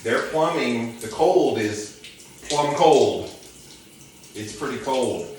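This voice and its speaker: Male vlogger under a freezing shower, calm casual coaching, very echoey room, loud-ish water noise. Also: mid-range voice, slow pace. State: talking while under ice-cold water. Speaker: vlogger doing a cold-water challenge. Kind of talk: casual instructional vlog chat. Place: open shower in a hotel bathroom. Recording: echoey bathroom, distant mic, noisy running water. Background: running shower water.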